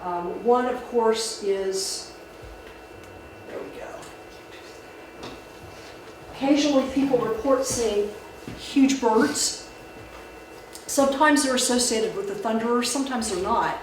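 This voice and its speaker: A woman's voice: a little high, slow, long pauses. A woman giving a public talk on folklore in a library room, speaking conversationally with many restarts. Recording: echoey room, distant mic, background noise.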